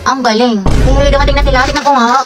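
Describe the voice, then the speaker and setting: High, fast-talking young woman in comedy skits. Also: fairly even intonation. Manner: bickering, playful, teasing. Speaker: comedy skit performer. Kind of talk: acted comedy sketches. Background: background music.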